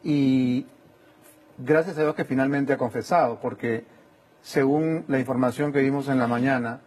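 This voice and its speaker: A male TV interviewer with a husky voice asks his questions in a measured, formal way. His pitch sits in the ordinary middle range for a man. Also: steady tone, darkish tone. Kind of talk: news interview.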